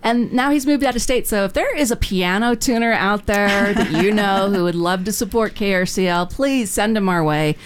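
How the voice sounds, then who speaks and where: A woman hosting a community radio show, chatting casually and introducing guests with frequent pauses. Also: medium pitch, smooth. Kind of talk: casual on-air chat and interviewing.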